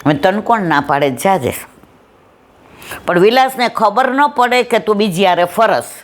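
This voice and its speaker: A woman's voice: mid-range voice, lively intonation, measured pace. A middle-aged woman giving a devotional satsang talk, telling a story in a conversational way and asking her listeners whether they follow. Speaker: satsang speaker.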